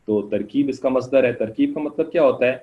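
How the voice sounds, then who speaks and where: A man teaching a class, explaining step by step, often checking whether students follow and putting questions to them. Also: mid-range voice. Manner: explains patiently, keeps checking "okay?". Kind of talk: classroom lecture. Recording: dull lo-fi recording.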